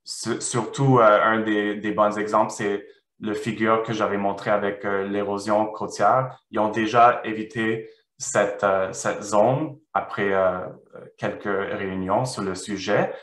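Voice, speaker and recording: A man with a foreign accent, a non-native French speaker, presenting research and answering questions haltingly as he searches for words. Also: lowish voice, steady tone, a bit bright. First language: not French. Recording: roomy, echoing sound.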